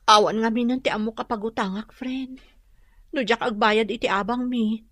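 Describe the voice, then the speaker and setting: In a radio drama, a woman with a fairly high, steady, slightly bright voice plays a troubled mother who is behind on her boarding house rent. Speaking at a moderate pace with a Filipino accent, she pleads worriedly and apologizes, with no room sound in the recording.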